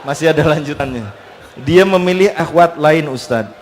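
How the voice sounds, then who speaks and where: A man's voice: on the high side, expressive, normal speed, a little hiss or hum. A man reading a question aloud to a preacher, polite and a little hesitant.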